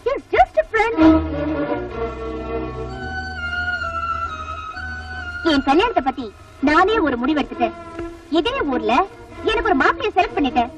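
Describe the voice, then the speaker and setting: A bold, teasing young heroine. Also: female voice, very high voice, big pitch swings, a little fast. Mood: forthright. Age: young adult. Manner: teasing, forthright. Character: bold, rich, educated young village woman. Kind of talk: Tamil film dialogue. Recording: distant film soundtrack with music.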